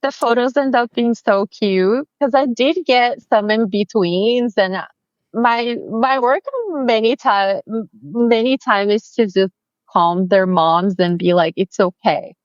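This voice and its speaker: A Brazilian family photographer, speaking with a Brazilian accent, appears as a guest in a casual interview about her photography work. Her voice is fairly high and slow, and the recording is muffled with no echo. She's friendly, with plenty of fillers and restarts.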